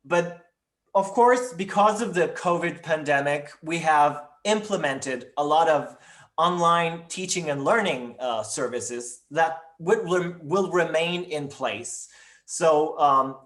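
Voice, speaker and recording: Over a video call, a man presents university admissions information in a webinar. He speaks in a measured way, often saying um and uh, and his voice sits on the high side with a fairly bright tone.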